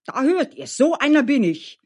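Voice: big pitch swings, a little slow. A storyteller voicing a boisterous, hot-headed male coachman who bellows and boasts, in a storybook reading. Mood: indignant. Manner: loud and boastful, rising high in outbursts.

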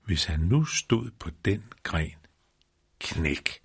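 Guy reading a kids' storybook, low husky voice, steady storytelling rhythm. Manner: measured, repetitive storytelling rhythm. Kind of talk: scripted narration of a children's storybook.

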